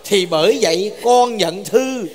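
A man's voice: high voice, animated, measured pace. A man playing a whiny young husband who mocks his family in a live stage comedy sketch. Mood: complaining. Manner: whiny, mocking. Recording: live stage with loud audience noise.

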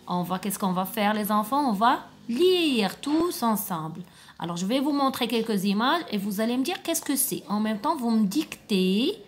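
In a recorded reading lesson for little children, a female kindergarten teacher goes slowly, encouraging them and giving frequent praise. Her pitch is medium, and the recording carries a little hiss or hum.

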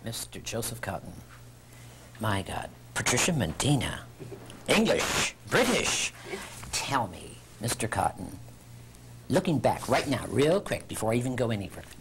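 An older man hosts a casual talk show interview in an effusive manner. His mid-range voice swings widely in pitch, with a faint hiss on the old recording. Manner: effusive, repeats guests' words back. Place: small dim TV studio.

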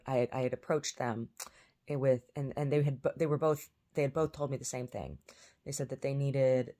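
A woman's voice: extremely low pitch, a little mellow. A woman vlogging in a casual, rambling way, often trailing off and restarting her sentences.

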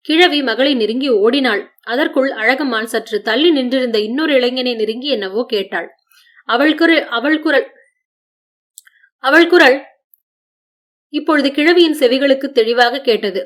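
A woman narrating an audiobook short story in a measured, expressive storytelling manner. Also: high voice.

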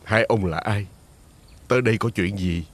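A man's voice: on the low side, moderate pace, natural voice. An actor playing an elderly father whose house has burned down, comforting his wife and then confronting the son who ran up debts. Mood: stern. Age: older. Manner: shouting in panic, then gravely comforting. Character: elderly father, distraught over his ruined family. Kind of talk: folk-tale drama acting. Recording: film audio with loud background music.

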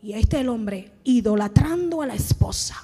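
A woman pastor preaching a sermon in a church, animated, often acting out the voices of church members. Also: on the high side, brisk, big-room sound.

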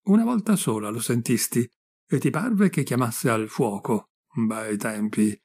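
A jovial, teasing middle-aged man who ribs his old friend without pause, as a gravelly-voiced reader puts him on. The voice has a rough, creaky grain and a lively, joking manner, as in a storybook reading. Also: mid-range voice. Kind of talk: audiobook reading.

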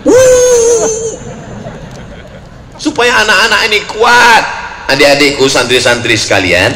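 Man, preacher, from Riau, Sumatra, slightly high voice, shouts in bursts, echoey hall. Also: moderate pace, crowd noise. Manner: animated, jokes and acts out quoted voices, sudden shouts. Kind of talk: lively sermon to a crowd. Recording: echoey hall with long reverb, faint noise.

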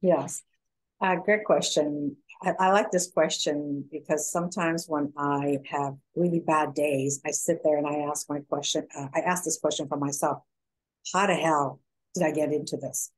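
A woman in her forties from Iran speaks as a guest on a video call from a room at home, explaining her business through a presentation and interview answers. Her voice sits low with fairly even intonation and a moderate pace, earnest and full of fillers. The recording is rough.

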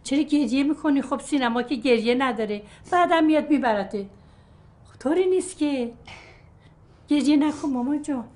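A woman's voice: high-pitched, darkish tone, natural voice. An actress playing a tender older grandmother who soothes a child with constant endearments. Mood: consoling. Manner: doting, soothing, affectionate endearments. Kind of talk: film acting.

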